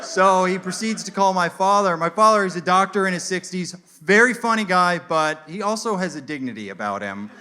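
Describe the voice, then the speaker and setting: A young man doing a stand-up comedy set on stage, telling a story with animated delivery and deadpan asides. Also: sits high, fairly quick, hardly any pauses, a little hiss or hum. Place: comedy stage before a live audience. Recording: live show with loud audience laughter.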